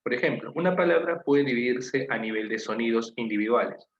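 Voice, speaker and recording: A Peruvian Spanish-accented man teaches a class over a video call. He explains with patience and keeps asking his students questions. His voice sits at a middle pitch and comes through a computer mic, echoey and a bit muffled. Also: brisk, slight background noise. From Peru. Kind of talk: online class lecture.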